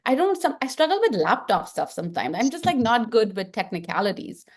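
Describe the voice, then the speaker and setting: A woman's voice: fairly high pitch, very animated, brisk. A middle-aged woman with an Indian accent, a film director talking earnestly in an interview and thinking aloud with frequent restarts. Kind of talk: reflective interview talk.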